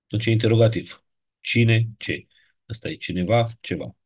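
A man's voice: lowish voice, darkish tone, breathy edge. A man teaching a grammar lesson, patiently reciting word forms step by step and checking in with short questions. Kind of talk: ancient Greek grammar lesson.

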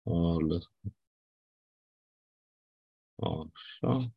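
A man's voice: deep voice, lively intonation, creaky, slightly rough, highs cut off. A man teaching a class, reviewing grammar step by step and often checking in with his students. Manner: patient, checks in with "nu?" and "da?". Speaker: teacher of Ancient Greek.

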